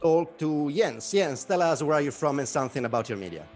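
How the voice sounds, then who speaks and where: A man hosting a jury interview over a video call, upbeat and lively in his introductions. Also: fairly high pitch, brisk, faint music behind.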